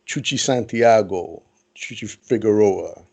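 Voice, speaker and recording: A man co-hosting a casual podcast, relaxed, reading out listener comments. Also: fairly low pitch, unhurried, gravelly. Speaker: podcast co-host. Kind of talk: casual chat.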